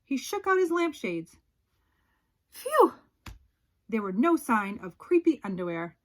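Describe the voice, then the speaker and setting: A woman whose voice runs on the high side reads a kids' picture book aloud like a storyteller, dramatic and expressive, with long suspenseful pauses.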